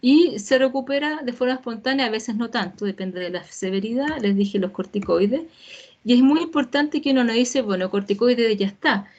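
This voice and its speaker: A woman's voice: fairly high pitch, lively intonation, moderate pace, darkish tone, dull audio. A woman giving an informal medical talk as a physician, explaining casually and checking in with tag questions like "right?", heard over a video call.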